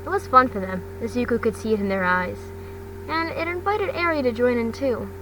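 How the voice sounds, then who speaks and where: This fan fiction podcast reader has a voice on the high side and reads briskly and expressively. Her amateur, storybook-style narration often stumbles, with repeated words. The noisy home recording comes through a distant microphone.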